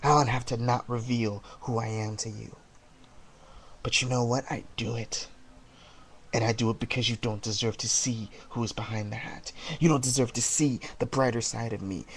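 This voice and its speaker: A man delivering a wrestling promo monologue as a heel, brooding and taunting, with theatrical, deliberate dramatic pauses. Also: mid-range voice, fairly even intonation, slight background noise. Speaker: amateur wrestler cutting a promo as a heel character.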